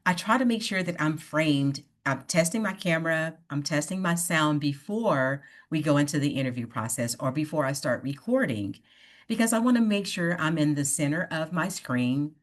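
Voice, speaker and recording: A woman with a low voice runs a workshop over a video call. She coaches her listeners step by step and keeps checking in with "right?". The sound comes through a plain computer mic. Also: expressive, moderate pace. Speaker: workshop presenter. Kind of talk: online workshop presentation.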